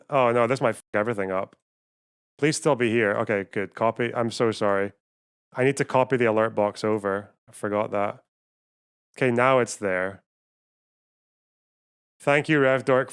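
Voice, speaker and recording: Male streamer, clean smooth voice, informal and sweary reaction chat. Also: medium pitch, moderate pace, pauses often. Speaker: livestreamer reacting to a video. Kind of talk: casual reaction commentary.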